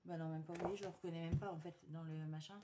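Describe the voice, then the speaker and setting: A woman's voice: lowish voice, steady tone, rapid-fire, very noisy. A woman chatting casually to her viewers while showing a paper haul, hesitant with many fillers and restarts.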